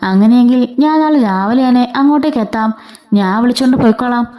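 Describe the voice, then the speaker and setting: A woman's voice: on the high side, brisk, mellow, close to an everyday voice. A woman voicing a caring young woman who comforts others but speaks firmly. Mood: concerned.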